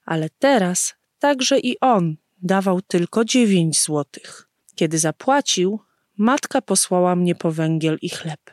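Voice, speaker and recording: A woman reading a story aloud slowly and expressively, giving the characters' lines their own voices. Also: mid-range voice, darkish tone, no echo, clean studio sound. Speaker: narrator.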